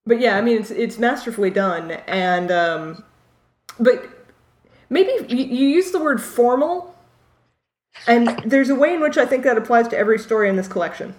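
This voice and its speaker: A woman's voice: on the high side, animated, normal speed. A woman co-hosting a casual discussion of literature, talking off the cuff. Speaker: podcast co-host.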